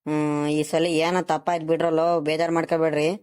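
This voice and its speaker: Woman voicing a flat-voiced cartoon schoolboy. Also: low-pitched, a little fast, smooth, lightly acted. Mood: pleading. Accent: rural Karnataka Kannada. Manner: explaining, pleading. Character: apologetic young schoolboy teammate. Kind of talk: cartoon voice acting.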